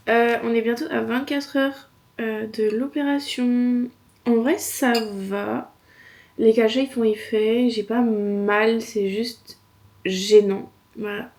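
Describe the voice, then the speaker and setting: A woman vlogger chats casually to the camera in slangy, informal speech, lightly complaining because her mouth is sore and swollen after having her wisdom teeth out. Her voice is a little high with a darkish tone.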